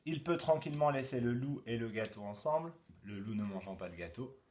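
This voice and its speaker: A male teacher giving a home-schooling lesson to young children, explaining a puzzle slowly and clearly, then speaking to parents. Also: mid-range voice, animated, darkish tone, a little hiss or hum. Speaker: kindergarten teacher.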